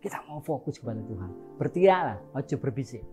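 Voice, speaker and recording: A male preacher delivers a lively sermon, his pitch swinging widely as he teases the congregation and acts out shouted prayers. Soft music plays faintly underneath. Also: quick pace. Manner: animated, jokes and laughs, acts out shouted prayers.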